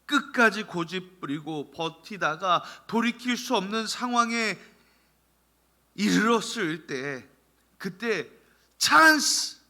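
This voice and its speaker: A man preaching a Sunday sermon, swinging from loud calls down to soft, near-whispered lines. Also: sits high. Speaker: pastor.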